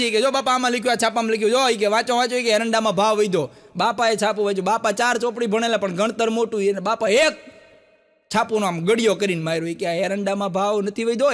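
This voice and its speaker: A man performs live stand-up, spinning folksy village jokes. His voice sits high, and he trades quoted lines between characters in rapid dialogue. A long reverb hangs behind him on the stage. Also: fairly bright tone. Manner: folksy storyteller acting out villagers' lines in quick quoted exchanges. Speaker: stand-up comedian telling jokes. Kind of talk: live stand-up joke telling. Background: audience laughter.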